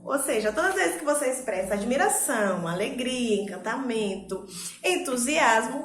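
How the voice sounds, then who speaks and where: In an echoey room, a woman teacher with a high voice and a Brazilian Portuguese accent gives a recorded primary school lesson. She speaks expressively and emphatically, asks rhetorical questions, and often adds "né?".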